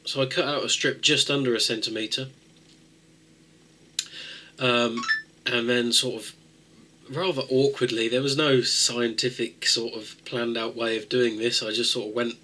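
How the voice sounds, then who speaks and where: A tech video host, nasal and suffering a cold, rambles casually through a how-to fix, with many fillers and restarts. He speaks unhurriedly with long pauses, a medium pitch, fairly even intonation, and a bright, forceful tone. The audio is poor, with slight background noise.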